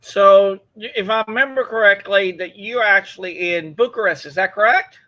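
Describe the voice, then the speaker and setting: A man's voice: high voice, normal speed. A man hosting a live-streamed interview, asking his guest questions with curiosity over a video call. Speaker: host. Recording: dull lo-fi call audio.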